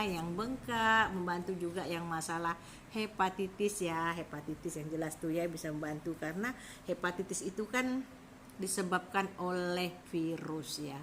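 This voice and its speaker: A middle-aged woman chatting casually on a live stream, rambling about food and then pitching a herbal product to her viewers. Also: slight background noise.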